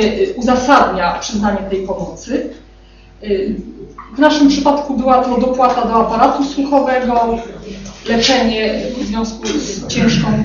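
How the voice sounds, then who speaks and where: A woman official presents an annual welfare report, reciting sums of money with many hesitant pauses and filler sounds. She speaks from a distance in a very echoey meeting room, and the recording is dull and carries clear background noise. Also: on the high side. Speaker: municipal social welfare official.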